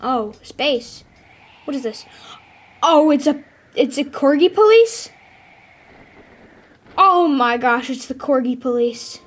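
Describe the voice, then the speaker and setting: Excitable high-voiced woman gaming. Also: takes it slowly, long pauses. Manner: excitable, yelps and squeals when things go wrong. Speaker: gameplay streamer. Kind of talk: playful gameplay commentary.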